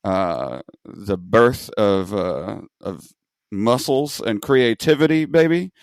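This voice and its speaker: A man's voice: lowish voice, expressive, slow, creaky, dry recording, clean studio sound. A man from Long Island, hosting a casual wrestling podcast chat, joking and swearing freely. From Long Island, New York. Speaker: podcast host.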